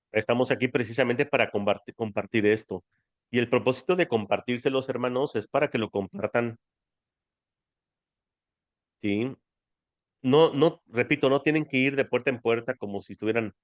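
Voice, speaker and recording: A man with a Mexican accent guides a spiritual study group in a warm, familiar, conversational tone. His voice sits at an ordinary middle pitch. He asks listeners how they feel and calls them sweet names as he teaches. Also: moderate pace, pauses often. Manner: affectionate, chatty, addresses listeners as family.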